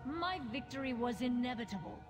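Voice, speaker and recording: A woman's voice: fairly high pitch, lively intonation, brisk, close to an everyday voice. A woman voicing a cold scornful warchief. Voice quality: cold, contemptuous. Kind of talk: video game cutscene acting. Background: game music.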